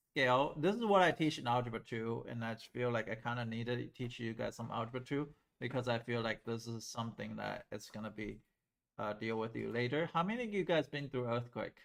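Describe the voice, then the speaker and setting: A middle-aged man from Taiwan teaching a math class in a classroom, lively and asking the class questions. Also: medium pitch, creaky. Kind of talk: classroom lecture at a whiteboard.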